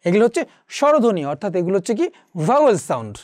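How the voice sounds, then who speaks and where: A woman's voice: medium pitch, very animated, fast, a little mellow, no room sound, studio quality. A woman teacher giving an exam-prep lecture. She keeps asking her students rhetorical questions and repeating the answers.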